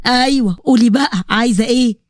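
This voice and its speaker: Woman putting on a middle-aged egyptian dad, lowered voice, anxious, protective, dry close sound. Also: fast, no room sound, lightly acted. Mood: teasing. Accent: Egyptian Arabic. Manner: heavy, anxious, pleading.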